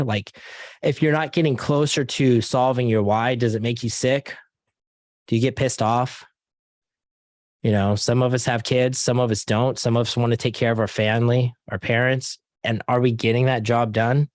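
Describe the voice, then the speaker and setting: A man with a mid-range voice talks through a casual sales motivation session on an online call, with clean studio sound and no room noise. Filler "like" crops up constantly, and he calls everyone "guys" and "dude."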